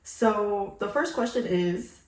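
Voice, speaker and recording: At home, in a room that sounds roomy and echoey, a woman hosts a sip-and-chat video, rambling casually to her viewers. Her medium-pitched voice is expressive, slow, a little mellow and slightly raspy like a morning voice, and she's slangy and playful with some swearing and emphatic catchphrases.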